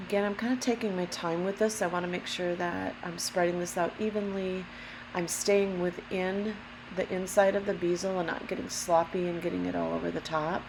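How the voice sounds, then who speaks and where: A woman with a gravelly, allergy-affected voice talks casually and unhurriedly through a craft demonstration, explaining each step carefully. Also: fairly low pitch, normal speed. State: allergy-affected voice, throat clearing. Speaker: craft tutorial host. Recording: steady background hum, lawnmower noise. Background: lawnmower and hum.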